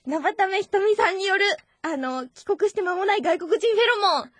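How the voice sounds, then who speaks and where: Giggly high-voiced woman with a Tokushima accent. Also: a little fast, no room sound. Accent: Tokushima dialect. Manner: giggly, bashful, playful. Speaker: co-host. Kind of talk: casual radio-show chat.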